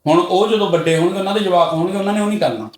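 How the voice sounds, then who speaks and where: A middle-aged man from Punjab, a podcast guest telling stories candidly and getting loud and excited as he talks. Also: sits high, racing. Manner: loud and excitable when talking. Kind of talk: candid conversational storytelling. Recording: roomy echoey room.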